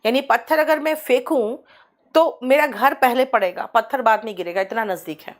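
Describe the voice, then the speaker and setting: Patient Indian woman teaching English. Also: fairly high pitch. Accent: Hindi. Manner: explains patiently, addresses students as "beta", says English examples slowly. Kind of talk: online class lecture. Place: small teaching studio. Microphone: studio microphone.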